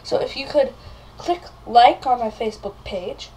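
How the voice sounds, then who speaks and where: A woman's voice: fairly high pitch, expressive, normal speed, warm tone, slight background noise, low-quality recording. A woman vlogger hamming it up in a comedy video, acting mock-frightened and repeating her words. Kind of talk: comedic vlog.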